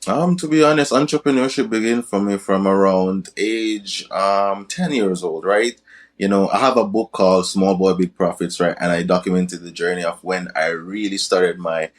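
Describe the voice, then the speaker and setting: A young Jamaican man with a low voice and moderate pace appears as a podcast guest in a casual interview. He's a crypto and business coach who ends many of his sentences with "right?"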